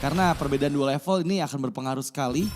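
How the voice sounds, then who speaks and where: A man with an Indonesian accent calling an esports match in an excited game-announcer manner, naming moves and kills. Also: fairly high pitch, very fast, music in the background. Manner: announcer-like calls of moves and kills, rising to shouts. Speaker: esports play-by-play caster.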